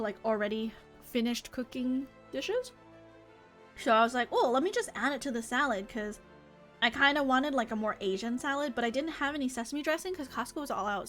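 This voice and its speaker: A woman with a fairly high-pitched, fairly bright voice livestreams an online game, chatting casually and rambling while reading game dialogue aloud. Game music plays behind her voice.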